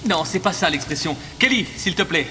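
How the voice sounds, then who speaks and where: Lively, bickering adventurer. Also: male voice, on the high side, fairly quick, a little hiss or hum. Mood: casual. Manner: bantering, defensive. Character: casual, defensive, bickering male adventurer. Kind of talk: comedy audio drama acting. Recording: echoing hall.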